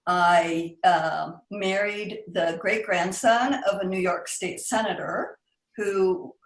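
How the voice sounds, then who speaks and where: A woman in her sixties from Brazil, calmly telling her own life story as a guest speaker. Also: on the low side, slow pace. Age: 60s. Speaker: guest speaker in a recorded video. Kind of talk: personal testimony. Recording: roomy echo.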